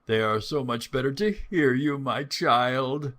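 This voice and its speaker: Man voicing a sly, gruff storybook wolf. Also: mid-range voice, unhurried, a bit bright, voice pushed up, natural voice. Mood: sly, soothing. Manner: coaxing, feigning feebleness. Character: large cunning male wolf posing as gentle granny.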